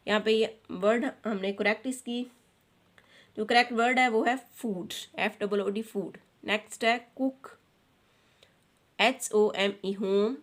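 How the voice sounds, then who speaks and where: A woman teacher with a Pakistani accent, explaining a children's English textbook lesson and translating each English line into Urdu. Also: medium pitch. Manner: reads English lines slowly, then translates each into Urdu.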